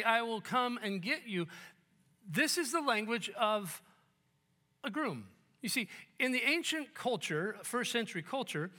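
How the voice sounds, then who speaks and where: High, bright-voiced male pastor preaching. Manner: conversational and joking, with sudden soft, hushed quotes. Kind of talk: sermon. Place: church.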